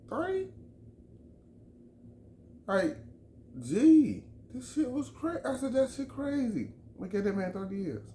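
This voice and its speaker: A man's voice: fairly high pitch, darkish tone, a little hiss or hum. Heated man ranting in an echoey room. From Chicago. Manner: heated, emphatic, profane, repeats himself. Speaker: vlogger. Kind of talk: opinion rant to camera. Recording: roomy echo, faint background ambience.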